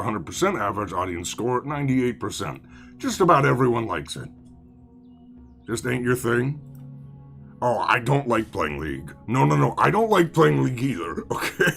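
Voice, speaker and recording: A man with a mid-range, fairly bright voice and some vocal fry streams a game while chatting casually with viewers. He rambles, swears freely, and pokes fun at himself in typical live-stream fashion.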